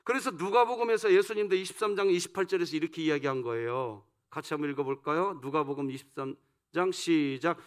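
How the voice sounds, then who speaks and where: A pastor preaching a dawn service sermon, asking the congregation questions and swinging between loud emphasis and soft, low asides. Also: male voice. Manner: rhetorical questions put to the congregation. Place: church sanctuary.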